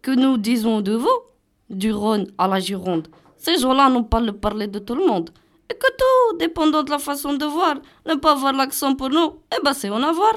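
Teenage girl reading poetry with lively lilt. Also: high-pitched, normal speed. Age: late teens. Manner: lively, expressive delivery. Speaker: student poem reader.

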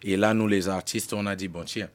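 A man, a guest rap artist in a radio studio interview, explaining with lively street-slang examples. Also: lowish voice, brisk, clear, resonant tone. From Cameroon.

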